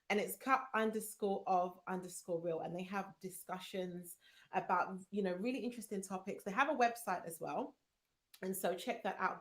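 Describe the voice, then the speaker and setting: A woman hosting a live-streamed interview, chatty and upbeat with many fillers. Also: medium pitch. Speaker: host.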